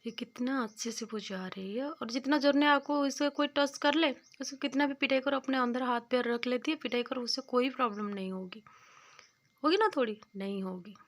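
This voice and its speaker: Outdoors at her village home, a young woman with a high voice narrates a casual vlog at normal speed. The village vlogger is homely and repetitive, returning to her points as she draws simple, moralizing life lessons.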